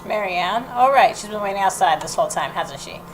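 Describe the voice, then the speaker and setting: A woman hosts a let's play, reading the game's text aloud and tossing in casual, reactive comments in a mid-range, expressive voice at a fairly quick clip. The recording is low quality, with noticeable background noise and game ambience.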